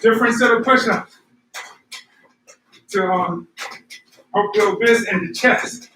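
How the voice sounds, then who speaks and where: A man's voice: sits high, slow pace, pushed and bright. A man chatting casually and motivationally to viewers while running and power walking during a workout. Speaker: host of a running workout vlog. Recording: roomy, distant mic, faint noise.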